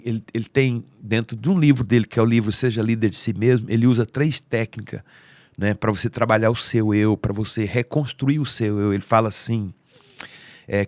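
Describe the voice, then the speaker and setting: A man's voice: on the low side, no echo. A man with a Brazilian Portuguese accent telling a heartfelt personal story on a podcast, acting out the voices of his family as he goes. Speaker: podcast speaker.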